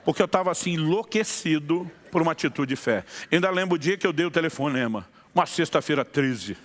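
Animated Brazilian-Portuguese-speaking pastor, man. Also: a little high, fast talker. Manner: animated, laughing storyteller acting out dialogue. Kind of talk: sermon storytelling.

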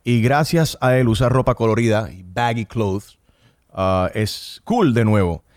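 A man's voice: medium pitch, measured pace, darkish tone. A middle-aged man hosting a podcast interview, teasing his guest and mixing in English phrases. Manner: playful, teasing, switches into English. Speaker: podcast host.

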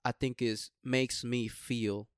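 A young man talks like a frat bro in casual conversation, with slang and swearing woven through. His voice sits at an ordinary male pitch, and the recording is dry and close. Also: little pitch movement, slow, clear, resonant tone, no room sound. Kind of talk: casual chat.

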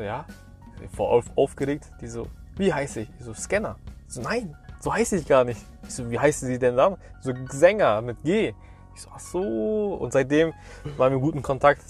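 Young male co-host, casual slangy storyteller, mid-pitched, soft music underneath. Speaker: podcast co-host. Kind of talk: casual chat.

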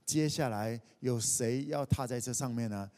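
A man preaching a sermon as a pastor, animated, acting out the voices in his stories and often dropping "OK". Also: medium pitch, moderate pace. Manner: animated, acts out quoted voices, frequent "OK". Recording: long reverb of a hall.

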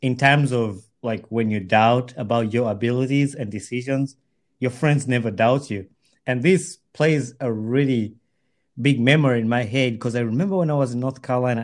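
A man with an average-pitched voice speaks in a casual, heartfelt conversation. He sounds earnest, often repeating a phrase as he works toward his point. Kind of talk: casual heartfelt chat between friends.

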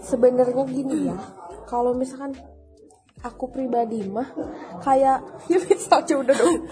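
A woman's voice: high-pitched, normal speed, mellow. Confiding young woman, tinge. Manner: confiding, laughs easily. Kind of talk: casual chat.

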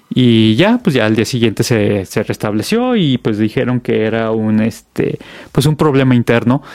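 A man's voice: mid-range voice, a little mellow, no room sound. Mexican man hosting a casual news chat. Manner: chatty, many fillers and restarts. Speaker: host.

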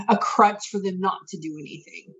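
A woman's voice: mid-range voice, a little mellow, muffled recording. A woman co-hosting a casual podcast, talking things through reflectively with many restarts. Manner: reflective, with frequent restarts and fillers. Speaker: podcast co-host.

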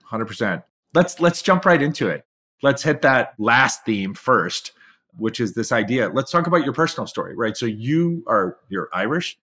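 A man's voice: mid-range voice, sing-song, normal speed, bright, forceful tone. An American man hosting a podcast, upbeat and effusive, introducing his guest with lots of repetition. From United States. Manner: upbeat, effusive, repeats himself. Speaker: podcast host. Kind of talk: enthusiastic interview introduction. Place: Hollywood studio.

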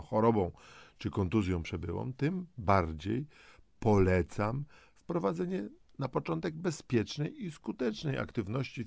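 A man hosting a health and lifestyle audio programme speaks straight to the listener in a low, gravelly voice with vocal fry. His semi-scripted motivational narration coaxes and instructs, posing rhetorical questions along the way. The recording sounds close and dry, with no echo.

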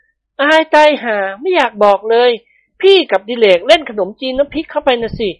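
A woman reading the lines of a playful young husband who is embarrassed and teasing, in a lively audiobook voice. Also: high voice, moderate pace, no room sound, voice pushed up. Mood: sheepish joking.

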